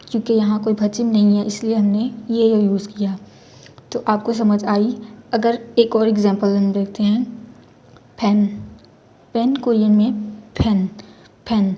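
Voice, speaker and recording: A young woman teaching a casual beginner language lesson, switching into English phrases and slowly drawing out example words. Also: medium pitch, mellow, dull audio. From Pakistan. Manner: mixes English phrases into Hindi-Urdu.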